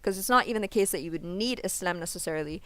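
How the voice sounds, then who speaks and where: A man's voice: sits high, racing, fairly bright tone, clean tone, no room sound. A man in a street debate about faith, patiently explaining and often checking "you understand?". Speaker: religious debater.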